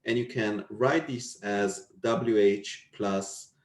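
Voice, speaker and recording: Man, lecturer, low pitch, unhurried explanatory delivery, echoey online recording. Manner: explanatory, checks understanding with questions. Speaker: university lecturer. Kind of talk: technical lecture. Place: indoors, online video call. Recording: echoey room over video call.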